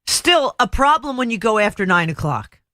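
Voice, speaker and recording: A woman co-hosting a radio show, chiming in with quick chatty remarks and laughs. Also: a little high, sing-song, pushed and bright, dry recording, clean studio sound. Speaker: radio co-host, former news anchor. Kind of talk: casual radio chat. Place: radio studio.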